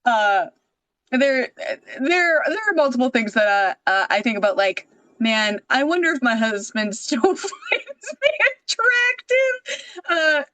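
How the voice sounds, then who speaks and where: A woman's voice: sits high, very animated, takes it slowly, sharp tone, no echo. A woman hosting a casual interview on a video call, talking in a rambling way full of fillers like "like" and "uh". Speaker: host.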